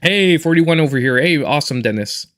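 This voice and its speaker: A man's voice: a little high, animated, brisk, a bit bright. A man in his forties chatting casually and in a reserved way while he live-streams a game as host. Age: 40s.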